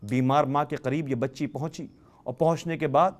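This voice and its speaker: A man's voice: medium pitch, steady tone. A man giving an emotional religious sermon, telling a story with dramatic rises on key phrases. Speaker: religious speaker.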